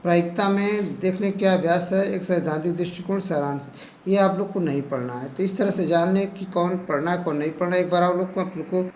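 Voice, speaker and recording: Hindi teacher guy from eastern UP, fairly high voice, reads off topic after topic, roomy echo. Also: darkish tone, a little hiss or hum. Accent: Hindi, eastern Uttar Pradesh. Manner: repeats "ठीक है", lists topics one by one. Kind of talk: lesson going over a syllabus.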